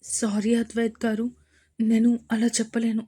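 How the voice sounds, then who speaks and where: A woman voicing a gentle young wife who answers softly and earnestly, close to tears. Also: a little high, monotone, moderate pace, slightly rough. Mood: earnest, hurt. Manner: soft, earnest, tearful.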